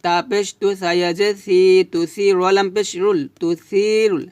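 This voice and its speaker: A man teaching Quran recitation, spelling out Arabic syllables slowly and correcting pronunciation. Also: high-pitched, flat delivery, a little mellow, no room sound.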